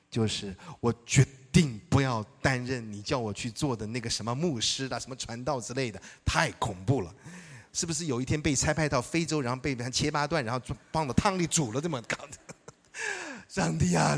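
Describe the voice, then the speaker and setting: A middle-aged male pastor preaching a sermon, telling personal stories in a lively way, acting out dialogue and often laughing. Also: medium pitch.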